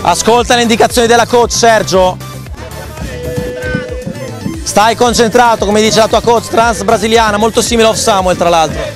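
Un uomo che fa una telecronaca di calcio concitata, senza fiato e drammatica, con urla di gol allungate e la voce sotto sforzo. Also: male voice, high voice, steady tone, moderate pace, pauses often. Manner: breathless, dramatic, exclamatory. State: voice straining. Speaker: football match commentator. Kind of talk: excited football commentary with drawn-out goal calls. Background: loud hip hop music.

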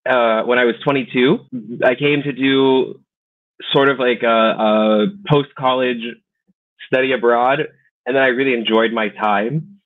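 A man's voice: medium pitch, steady tone. A man in his thirties with an American accent, chatting playfully as a guest on a video call. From United States. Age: 30s. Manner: chatty, playful, quick asides. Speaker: guest, teacher and clown. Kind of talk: casual video call interview. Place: small room indoors. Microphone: video call webcam. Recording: tinny phone-like video call.

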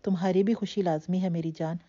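A woman's voice: on the low side, steady tone, mellow, highs cut off, natural voice. A woman reading the lines of a loving, worried older aunt who treats her nephew as a son, in an earnest, coaxing manner. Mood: fond.

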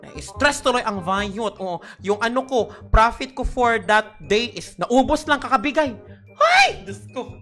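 A young woman chats casually on a game stream, greeting viewers by name with sudden shrieks while tired and nursing a headache. Her voice is a little high and fairly bright, a little slow yet with hardly any pauses. Faint music plays behind her.

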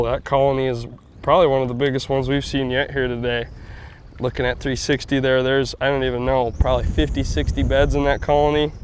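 On a boat, a thirtysomething outdoors presenter casually teaches how to fish, keeping things laid-back and clear. He laughs a lot when excited, his voice is mid-range, and there's some faint background noise.

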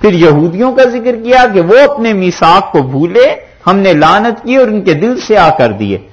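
Male preacher, rhetorical sermon delivery, somewhat high voice, muffled lo-fi recording. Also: measured pace, breathy edge. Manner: lively, rhetorical, quotes Arabic verses then explains. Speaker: mufti preacher. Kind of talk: sermon explaining Quran verses. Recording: dull lo-fi recording.

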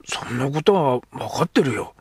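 A man voicing a rough, sulky young Edo street boy who talks in coarse slang. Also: medium pitch, expressive, moderate pace, heavily acted. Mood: sulky, gruff. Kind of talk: audiobook character voice.

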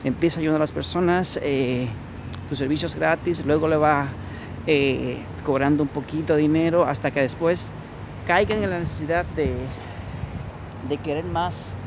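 A motivational coach in his thirties, his voice fairly high with fairly even intonation and normal speed, walks along a nighttime city promenade holding a phone camera. He preaches to the viewer directly, going over his points again and again in this walking vlog. Passing traffic and street noise make the outdoor recording noisy.

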